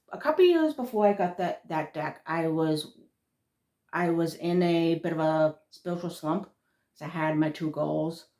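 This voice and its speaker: A spiritual vlogger with a thick Massachusetts accent chats casually through a rambling vlog, often trailing off and starting her words over. Her voice is lowish and warm.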